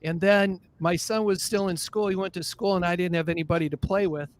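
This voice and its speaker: A man in his fifties, president of a business association, appears as a podcast guest and tells his story in a casual interview. He sounds upbeat and pokes fun at himself, his voice high and steady and fairly quick, with a slight hiss or hum on the recording.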